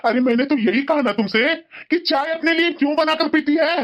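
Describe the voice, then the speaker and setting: A woman's voice: high voice, fairly quick, highs cut off, close to an everyday voice. A woman voicing a stern young husband in a cartoon who lectures and scolds his wife. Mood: scolding. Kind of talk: Hindi cartoon voice acting.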